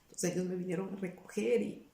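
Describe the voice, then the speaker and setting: A woman's voice: on the low side, fairly even intonation, fast talker, creaky, mellow. A woman giving an earnest, emotional personal testimony, often repeating her words and quoting her own past pleas. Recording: roomy, somewhat distant from the mic.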